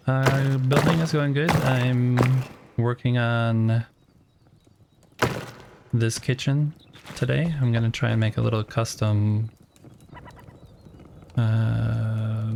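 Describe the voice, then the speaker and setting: A man from the United States talks slowly and unhurriedly, thinking aloud while he builds in a game. His voice has a gravelly, fried edge. A steady hiss of noise sits under the recording. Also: medium pitch. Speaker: streamer. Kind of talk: casual game-building stream chat.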